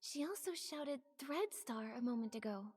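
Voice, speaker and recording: A woman's voice: high-pitched, expressive, normal speed, darkish tone. A young woman voicing an earnest, curious game heroine who reasons things through aloud. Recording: game audio with faint music.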